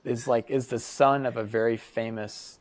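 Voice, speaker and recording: A man's voice: medium pitch, moderate pace, no echo. A young man from the United States chats as a podcast guest, telling stories with plenty of "um"s and "like"s. He acts out the voices of people in his stories. His voice sits mid-range and sounds close and dry, with almost no room. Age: young adult. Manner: animated, acts out quoted voices, many fillers. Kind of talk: casual storytelling.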